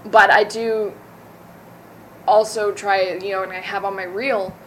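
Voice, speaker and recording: A woman's voice: mid-range voice, level tone, a little slow, slight background noise, low-quality recording. A young woman from the American South, an actor chatting in an interview, talking loosely, correcting herself and laughing easily. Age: young adult. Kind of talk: casual interview.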